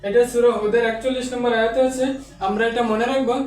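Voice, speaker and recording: A man teaching an online Quran reading lesson, explaining each rule and then chanting Arabic examples in a slow, drawn-out recitation. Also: extremely high pitch, little pitch movement, far from the mic. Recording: echoey, off-mic room sound.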